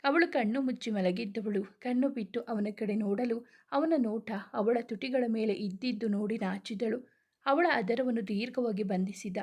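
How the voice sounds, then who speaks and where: A woman narrating a romantic story in a steady, gentle reading voice. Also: a little high, moderate pace.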